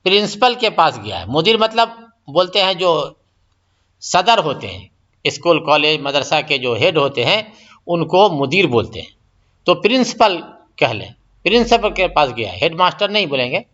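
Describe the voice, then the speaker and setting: A man with a high, bright, expressive voice teaches a classroom-style Arabic lesson, explaining each phrase before repeating it slowly and translating it. The recording sounds dull and lo-fi.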